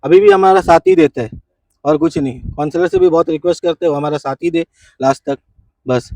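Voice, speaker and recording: A male street vendor pours out an emphatic, aggrieved complaint to a reporter outdoors. His voice is gravelly, and he stands a little back from the mic. The sound is dry with no room echo. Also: fairly high pitch, very animated, a little fast, darkish tone, distant mic. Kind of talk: street interview.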